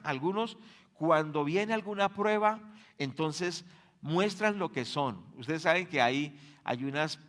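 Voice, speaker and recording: A man with a Colombian accent delivering a sermon as pastor. He keeps checking in with the congregation through rhetorical questions and moves between loud emphasis and quiet, dropped phrases. Now and then he acts out the voices of people he quotes. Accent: Colombian Spanish. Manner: acts out quoted voices with big jumps in pitch; dramatic swings in volume from loud to soft.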